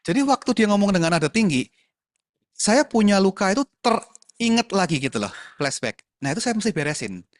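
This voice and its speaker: A chatty man, talking casually to a youth group and slipping English words in. His voice sits a little high for a man and is recorded close and dry, with no room sound. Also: big pitch swings, brisk, dry recording. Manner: chatty, mixes in English words, addresses the audience as friends.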